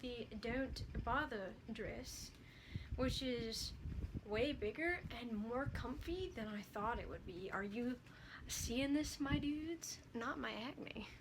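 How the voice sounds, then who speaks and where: A young woman vlogging in a loose, rambling chat, slightly higher-pitched than most women. She fills her talk with "like", giggles at herself and teases her own quirks. A steady hiss of background noise runs under the recording. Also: slow pace. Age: young adult. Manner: rambling, chatty, lots of "like" fillers; giggly, self-deprecating. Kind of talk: casual chat haul video.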